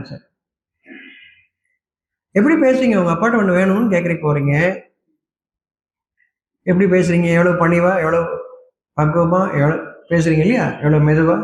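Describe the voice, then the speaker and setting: A man preaching a sermon, scolding his listeners with a steady stream of rhetorical questions. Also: sits high, echoey room, slight background noise.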